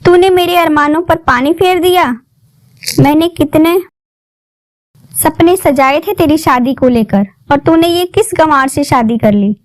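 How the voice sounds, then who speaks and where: A woman voicing a harsh, scolding middle-aged mother-in-law who shouts and taunts. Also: sits high, moderate pace, no echo, close to an everyday voice. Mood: furious.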